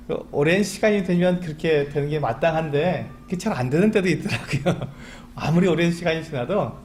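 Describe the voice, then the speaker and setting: The man speaking is a pastor giving a Sunday sermon in a church sanctuary, sounding conversational as he asks rhetorical questions and dramatizes quoted pleas to God. His voice runs a little high and darkish, over slight background noise.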